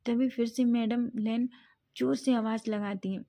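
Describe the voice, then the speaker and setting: Mellow-voiced woman reading a story. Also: on the high side, fairly even intonation, unhurried. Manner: casual, with self-corrections. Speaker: story reader. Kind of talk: fan-fiction storytelling narration.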